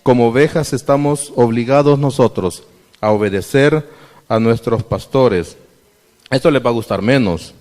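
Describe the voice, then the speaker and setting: A man's voice: mid-range voice, moderate pace, darkish tone, in a large hall. A man giving a sermon to a church congregation, asking them questions and reading scripture aloud. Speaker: church member addressing the congregation.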